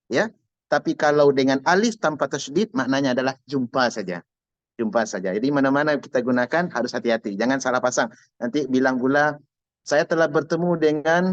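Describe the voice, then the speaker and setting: A man's voice: mid-range voice, no echo, lo-fi sound. A man teaching an Arabic grammar class online, explaining patiently and repeating key words step by step.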